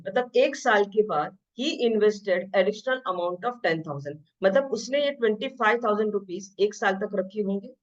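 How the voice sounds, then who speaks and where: A woman teaching an exam-prep math lesson, switching between Hindi and English. She reads the questions out slowly and explains them quickly. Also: medium pitch. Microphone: screen-share voice recording. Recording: slightly dull lo-fi audio.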